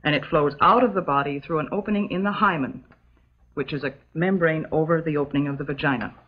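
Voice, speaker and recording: Speaking low and close to her everyday voice, an actress plays a calm substitute teacher with a motherly American manner. The scripted lecture from an old educational film comes across as patient, prim and carefully measured, heard through a dull, muffled soundtrack.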